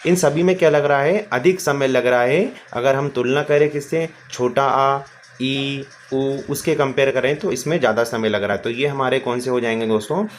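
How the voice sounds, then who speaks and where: A man's voice: mid-range voice, a little hiss or hum. Man teaching grammar, asking and answering. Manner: calls viewers friends, asks and answers own questions; slowly stretches out sounds as examples. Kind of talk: grammar lesson.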